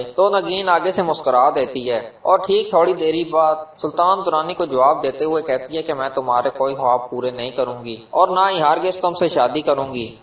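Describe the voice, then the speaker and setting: Man narrating a drama recap, echoey and distant. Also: on the high side. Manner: steady, earnest narration that addresses viewers directly. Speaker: channel host recapping a TV drama. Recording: echoey room, voice far from the mic.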